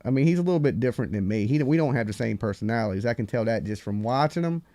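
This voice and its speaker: A man's voice: medium pitch, expressive, racing, warm tone, no room sound. Folksy man with a Southern hillbilly accent. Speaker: live stream host. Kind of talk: casual live call-in chat.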